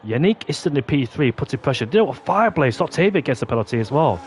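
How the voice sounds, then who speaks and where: A man giving excitable motorsport commentary on an online sim race, play-by-play, exclaiming at the action on track. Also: mid-range voice, fast, a little hiss or hum. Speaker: esports racing commentator.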